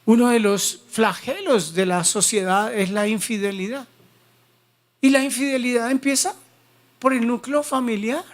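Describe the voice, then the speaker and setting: A pastor preaching a sermon, reading Bible passages aloud with dramatic pauses. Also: male voice, extremely high pitch. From Colombia.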